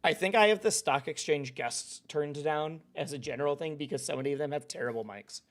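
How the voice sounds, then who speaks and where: Reading out follows on his live stream, a young man chats casually and laughs often. He speaks fairly quickly in a voice on the high side.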